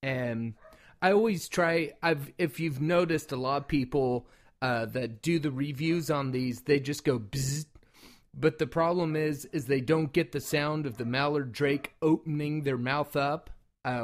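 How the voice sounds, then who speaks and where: Male reviewer, somewhat high voice, informal and loosely rambling, everyday hobbyist review delivery. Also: measured pace. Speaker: product reviewer and call maker. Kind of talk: casual product review talk.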